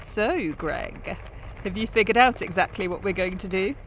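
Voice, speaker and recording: A wry villain's sidekick, voiced by a woman in an audio drama. She teases in a dry way, and her pitch moves a lot. There is faint noise in the background. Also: expressive, moderate pace, natural voice, low-quality recording.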